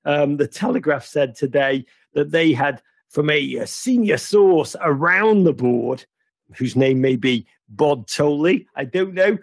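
Male podcast host, wry playful football chat, husky, dry close sound. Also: on the high side, a little slow, no room sound. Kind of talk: casual football news commentary.

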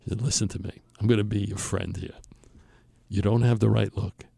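A man's voice: on the low side, fairly even intonation, brisk, gravelly, mellow, breathy edge, no echo. An older man with a Brooklyn accent tells a personal story in an emphatic, conversational way, acting out the dialogue. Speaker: storyteller on a talk show.

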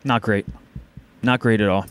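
A man co-hosting a podcast in casual chat, teasing the others in a dry, deadpan way. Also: on the low side, moderate pace, clear, resonant tone. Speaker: podcast co-host.

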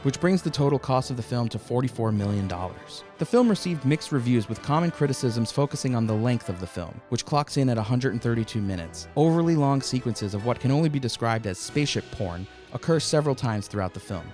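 A man's voice: medium pitch, lively intonation, brisk, few pauses, darkish tone, soft background music. A man hosting a film franchise podcast, reading a scripted intro with a dry, wry edge, then chatting casually with his co-hosts. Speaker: podcast host.

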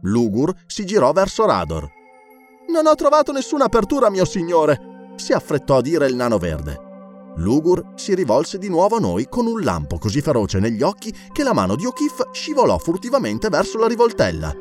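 A man narrating an audiobook chapter in an expressive, scripted reading. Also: a little high, moderate pace, faint music behind.

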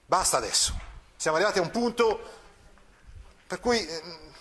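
A man's voice: sits high, moderate pace, sharp tone. A male teacher giving a literature lesson, explaining a passage, paraphrasing it and asking questions, with occasional restarts.

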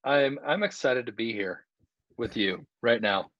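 A man's voice: medium pitch, lively intonation, measured pace, a bit bright. A man telling a casual anecdote as a guest comedian on a podcast, recorded in a hallway with audible echo. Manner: conversational, quotes other people's dialogue. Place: indoor hallway, video call. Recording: echoey hallway, dull muffled sound.

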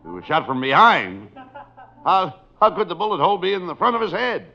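On a dull old radio recording, an excitable American police lieutenant in 1930s beat cop style. His voice is gravelly and forceful, full of comic exasperation. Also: sits high, fairly quick, full character voice. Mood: exasperated.

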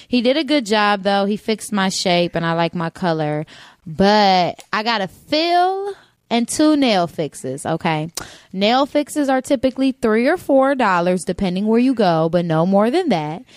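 A woman co-hosting a radio show in a studio, talking in casual, animated, slangy chat. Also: mid-range voice, a little slow, no room sound. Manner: animated storyteller, blunt and slangy. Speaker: co-host.

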